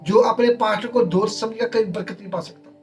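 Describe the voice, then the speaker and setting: A man's voice: sits high, brisk, far from the mic, soft background music. A male pastor, preaching a sermon in emphatic, repeated short phrases.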